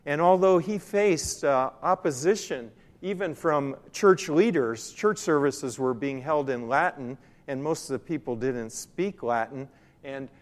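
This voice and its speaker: With a mid-pitched voice, an older male missionary presents slides to a church group, earnest yet halting. He works as a Bible translation consultant, and the large room around him produces heavy, lingering echo.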